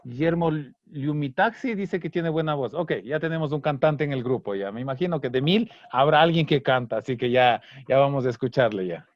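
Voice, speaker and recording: A man teaching an online Kichwa language class, patiently breaking down song lyrics and slowly repeating words. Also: mid-range voice, lively intonation, dry recording. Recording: dry, slightly dull online class audio.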